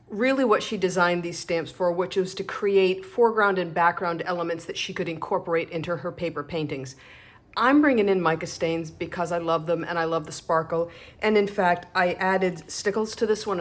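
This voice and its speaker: Woman craft demonstrator, lowish pitch, chatty and self-deprecating, explains as she stamps. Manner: chatty, self-deprecating, talks while working. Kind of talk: casual craft tutorial.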